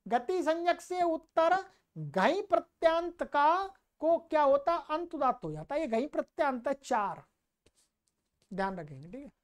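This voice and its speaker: A woman teaching Sanskrit grammar in a classroom lecture. She explains in Hindi, slows down to recite Sanskrit rules and often checks in with "ठीक है". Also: high voice, very animated.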